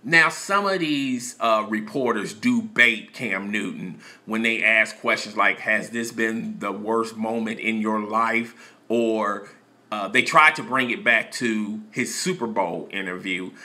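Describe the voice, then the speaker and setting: A man's voice: fairly low pitch, slow pace, pushed and bright. A man giving opinionated, lecturing commentary in a casual voice-over.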